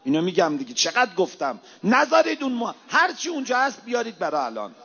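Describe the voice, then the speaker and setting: Male preacher, impassioned sermon, high voice, hushed asides and loud exhortations, muffled lo-fi recording. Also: huge pitch swings, slightly rough. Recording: reverberant hall, dull lo-fi sound.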